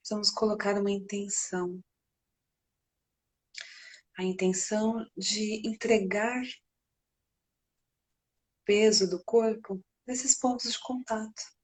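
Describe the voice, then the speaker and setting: A Brazilian woman leading a guided meditation in a soft, breathy voice, gently and unhurriedly, with long pauses. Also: mid-range voice.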